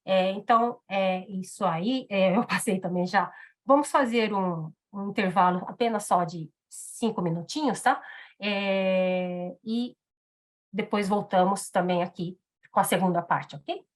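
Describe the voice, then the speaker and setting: A woman's voice: medium pitch, a little slow. A woman, giving a live seminar talk on business etiquette, chatty, with many fillers and tag questions. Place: in Japan.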